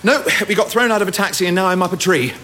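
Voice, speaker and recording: An actor playing a nervous, stammering young pilot in a radio sitcom. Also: male voice, high-pitched, quick pace, sharp tone, a little hiss or hum. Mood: flustered. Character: timid, flustered young male pilot.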